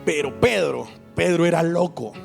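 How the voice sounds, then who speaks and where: A man with a Honduran accent preaching a lively sermon, acting out voices and joking with the congregation. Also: fairly high pitch, moderate pace, vocal fry, over loud music. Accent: Honduran Spanish. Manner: animated storytelling, acts out voices and jokes. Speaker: pastor. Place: church hall.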